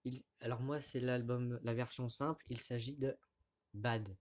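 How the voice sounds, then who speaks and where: A man casually showing vinyl records to his camera, talking in a halting way with many fillers and restarts, recorded indoors at home. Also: medium pitch, steady tone. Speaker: record collector vlogger. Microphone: camera mic at close range.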